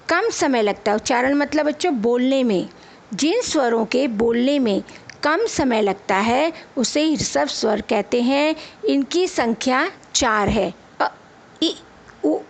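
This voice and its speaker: A woman schoolteacher speaks in a high voice with a gravelly edge, walking children slowly through a lesson. She sounds out each letter on its own. She keeps asking the class questions and then answering them herself. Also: lively intonation. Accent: Hindi. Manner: slow, deliberate, spelling out letters one by one. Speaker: school teacher.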